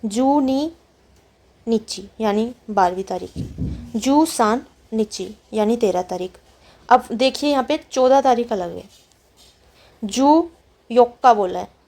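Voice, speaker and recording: A woman teaching a language lesson, repeating each word slowly and explaining it patiently. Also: on the high side, animated, dark tone. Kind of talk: slow, careful vocabulary lesson.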